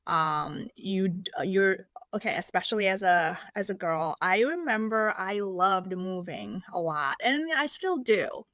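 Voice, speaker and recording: Woman from Indonesia, podcast guest, halting speech full of ums, mid pitch, dry close sound. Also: lively intonation, fairly bright tone, no room sound. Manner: hesitant, many fillers and restarts. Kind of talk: casual interview.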